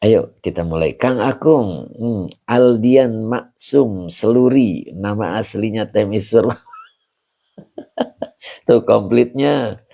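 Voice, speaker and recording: Ustadz guy, low dark gravelly voice, chatty, reads out viewer names, clears his throat a lot. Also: slow, long pauses. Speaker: Islamic teacher. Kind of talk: greeting viewers of an online religious study session.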